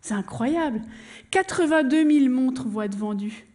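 Woman stage storyteller, fairly high voice, animated, addresses the audience directly, acts out scenes. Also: unhurried. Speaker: stage performer telling a true story.

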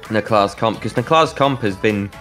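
A man casting an esports match play-by-play, excitable and climbing sharply in pitch at big plays. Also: moderate pace, soft background music. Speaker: esports caster.

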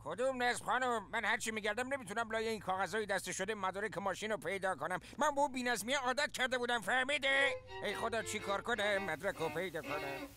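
A man voicing an excitable, messy, football-loving father in an animated family cartoon. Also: high voice, hardly any pauses, soft background music. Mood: comic. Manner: excitable, comic blustering. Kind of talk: cartoon voice acting.

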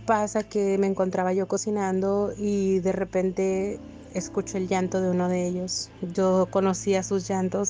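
A woman telling her own eerie experience in a measured, steady way. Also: medium pitch. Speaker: follower telling her own paranormal story. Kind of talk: casual spoken storytelling.

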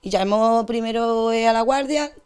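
A young woman with an Andalusian accent, giving a distressed, rushed account as an interviewee. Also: a little high, darkish tone. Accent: Andalusian Spanish. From Spain. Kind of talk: emotional testimony.

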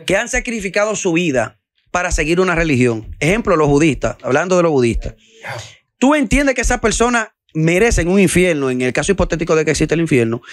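A man debates with rapid, pressing questions. He talks quickly at a slightly raised pitch, and the room sounds dry and close. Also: very animated, no echo. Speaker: guest. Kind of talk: heated debate.

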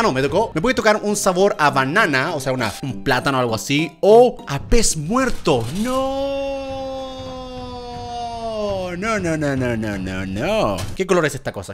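A young man talking casually to camera, animated and exclaiming as he reacts. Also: mid-range voice, slight background noise. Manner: animated, exclaims and groans at gross flavors. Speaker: YouTuber. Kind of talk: casual vlog, challenge commentary.

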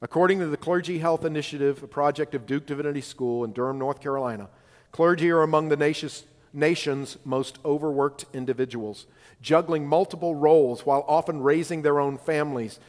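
A man's voice: a little high, fairly quick. A male pastor giving a sermon in a conversational, personal way, often asking his congregation "right?". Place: church sanctuary. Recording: long church hall reverb.

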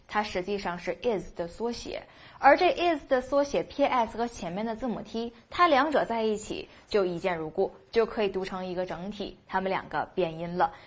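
A woman teaching a spoken English lesson, explaining patiently, asking rhetorical questions and slowly repeating phrases for practice. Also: medium pitch, lo-fi sound.

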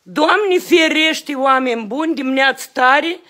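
A woman with a Moldovan Romanian accent, loudly and indignantly scolding people as she films a police search of her home for viewers. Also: sits high. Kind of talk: agitated live stream to viewers.

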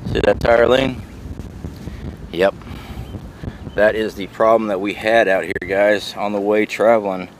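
This middle-aged vlogger speaks on the low side in a steady tone, a little slow and pausing often, as he shows off a small trailer outside and in. He's plain-spoken and folksy, calling viewers "guys," and the handheld camera or phone audio is noisy with outdoor and fan hum.

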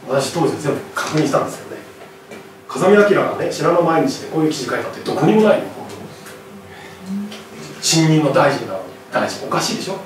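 A man delivers a public history lecture in a lively, conversational manner, peppering his talk with little tag questions to the audience. His voice sits a touch high for a man. He is picked up from a distance in a hall full of reverb, with a faint hiss underneath. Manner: animated, chatty, constant tag questions. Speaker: lecturer and author. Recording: very echoey hall, far from mic, faint noise.

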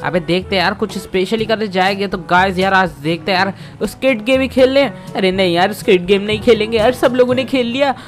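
A man's voice: sits high, fairly quick, hardly any pauses, faint music behind, natural voice. Grumbling young hero, voiced by a man, chatty and exasperated. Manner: exasperated, chatty, addresses viewers. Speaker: gaming channel host. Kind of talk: comic fan dub over gameplay.

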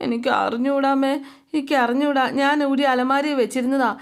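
A woman's voice: sits high, fairly even intonation, fairly quick, pitched above the performer's own voice. A woman doing a tearful, frightened young wife. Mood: distressed. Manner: pleading, tearful.

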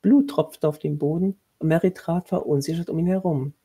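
A man reading his own horror short story aloud in a measured way, with a husky voice and occasional restarts. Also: a little high, fairly even intonation, mellow.

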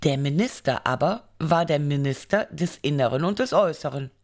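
A woman narrating an audiobook fairy tale, reading it aloud in measured storytelling phrases. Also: deep voice, animated, darkish tone.

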